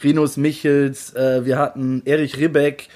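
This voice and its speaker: A man's voice: mid-range voice, little pitch movement, measured pace, a little mellow. A man hosting a casual conversation, stacking up clauses and checking in with short tag questions. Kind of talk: casual chat about football.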